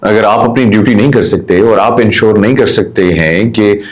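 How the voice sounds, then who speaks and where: A man's voice: on the low side, normal speed. A man hosting a podcast discussion, talking with passion and mixing in English. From Pakistan. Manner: impassioned, mixes English into Urdu. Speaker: host.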